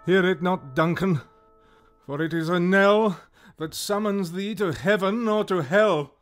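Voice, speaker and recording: A man's voice: high voice, a little slow, soft background music. An actor playing Macbeth, a tormented nobleman turned murderer, declaiming Shakespearean verse in a classical radio drama. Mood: grim, haunted. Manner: brooding, theatrical declamation.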